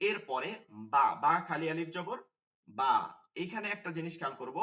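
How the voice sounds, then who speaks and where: A man teaching an online Quran pronunciation class, spelling out Arabic letters slowly and drawing out each sound. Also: a little high, pushed and bright, distant mic, muffled recording.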